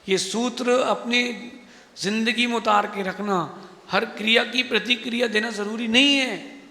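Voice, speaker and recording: A Jain monk delivering an emphatic, rhetorical Hindi sermon with a preachy manner. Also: male voice, very high-pitched, steady tone, a little slow, vocal fry, pushed and bright. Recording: echoey hall.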